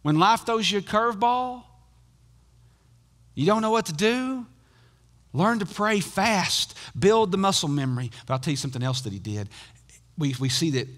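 A middle-aged pastor, preaching a sermon that swings between loud emphatic bursts and hushed, intense asides. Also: male voice, mid-range voice, long reverb tail.

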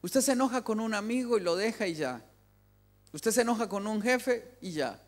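A man's voice: high voice, expressive, moderate pace. A man giving an emphatic family sermon in a large church hall, repeating key phrases for weight. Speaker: family speaker.

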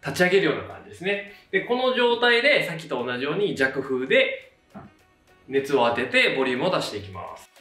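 This man in his thirties has a mid-range, fairly bright voice and explains a tutorial one step at a time in a relaxed, polite manner. He's a hairdresser hosting his own channel, recorded with a far-off mic, room echo, and faint background music.

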